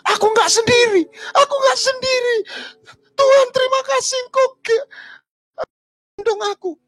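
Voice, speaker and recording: Guy putting on a sobbing woman on the phone, way up high and cracking, shrill crying out. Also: moderate pace, fairly bright tone, no echo. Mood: weeping joy. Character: weeping grateful middle-aged woman on the phone.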